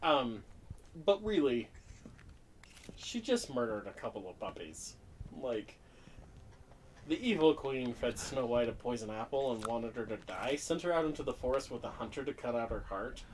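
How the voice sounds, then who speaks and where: A man's voice: mid-range voice, expressive, normal speed, a little hiss or hum. A man with the hiccups chatting playfully as co-host while playing a horror game. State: has the hiccups. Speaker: co-host of a horror gaming show.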